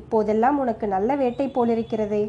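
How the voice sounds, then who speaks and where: A woman reading the lines of a stern, scheming male Buddhist monk in a storybook, in a low, grave questioning tone. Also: steady tone, a little fast, mellow, highs cut off, slight background noise, close to an everyday voice. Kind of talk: audiobook character reading.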